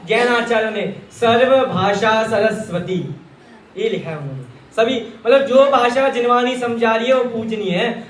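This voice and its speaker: A man from Rajasthan, India teaches Jain scripture to a live audience in a chatty, joking manner, often calling listeners brother. His voice is very high, and the recording has slight hiss or hum in an echoey hall with faint ambience.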